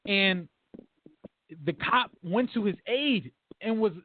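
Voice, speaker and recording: High-pitched guy, animated and emphatic, tinny dry phone sound. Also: takes it slowly. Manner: animated, emphatic, acts out quotes. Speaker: podcast host. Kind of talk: casual discussion.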